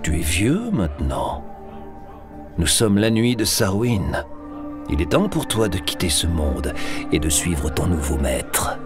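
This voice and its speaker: An actor playing the Devil as a sly, menacing, falsely friendly stranger in an audio drama, mocking and insinuating. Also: male voice, low-pitched, very animated, takes it slowly, over music, full character voice. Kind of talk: French audio fiction acting.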